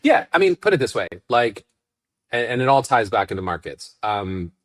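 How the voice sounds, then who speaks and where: A man from Berkeley, California, co-hosting a podcast and telling animated, rambling stories in casual chat. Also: medium pitch, moderate pace, dry recording, studio quality. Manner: animated, tangent-prone storyteller. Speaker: podcast co-host.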